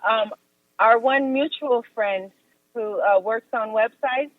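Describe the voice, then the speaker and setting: A woman's voice: a little high, takes it slowly, no room sound. Woman on a car speakerphone call. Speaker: guest, massage practitioner. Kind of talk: casual interview chat. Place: driving in a car. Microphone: phone on speaker. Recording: tinny dry phone line.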